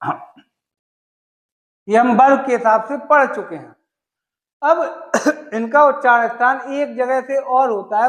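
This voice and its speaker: A man's voice: extremely high pitch, a bit bright, reverberant, poor audio. A male Sanskrit teacher from gives an exam-prep lesson, using homely examples and asking and answering his own questions.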